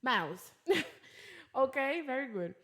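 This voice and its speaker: Teaching English over the internet from a laptop, this Brazilian woman speaks American-tinged English, though Portuguese is her first language. Slow word drills give way to rapid, chatty Portuguese explanations, and she laughs off her own mistakes. Her voice is fairly high and expressive.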